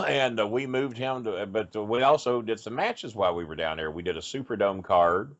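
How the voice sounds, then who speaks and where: A man's voice: on the low side, animated, moderate pace. A man telling a rambling, profane road story in casual podcast chat, full of fillers. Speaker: wrestling storyteller guest. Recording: dull lo-fi podcast audio.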